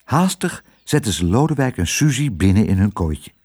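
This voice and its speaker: Expressive male storybook reader. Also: on the low side, normal speed, breathy edge. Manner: expressive, voicing each character. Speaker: narrator. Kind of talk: storybook reading aloud.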